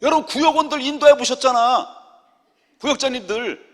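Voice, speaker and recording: A middle-aged man, a senior pastor, preaching a lively sermon and joking with his congregation. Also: very high-pitched, a little fast. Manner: animated, jokes with the congregation, acts out quotes. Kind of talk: lively Friday prayer-meeting sermon. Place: church sanctuary. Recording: long church hall reverb.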